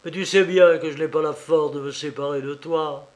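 A man reading an audiobook, voicing a proud, gaunt young man who speaks gravely and coldly. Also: on the high side, fairly even intonation, normal speed, natural voice. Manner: grave, icy.

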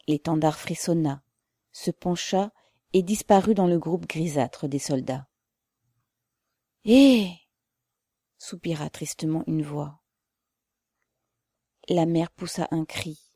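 Slow, low-voiced woman narrator. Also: warm tone, no room sound, clean studio sound. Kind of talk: audiobook narration.

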